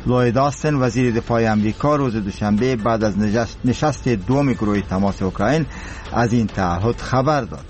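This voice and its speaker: A man's voice: medium pitch, a little mellow. A man with an Afghan accent reading scripted radio news in a solemn, formal manner. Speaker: radio newsreader.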